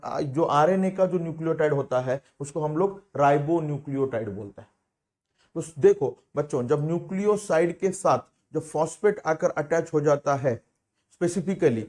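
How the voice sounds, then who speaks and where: A male biology teacher, his voice sitting a little higher than most men's. He lectures a class, asking questions and repeating each key term for the students to catch. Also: darkish tone.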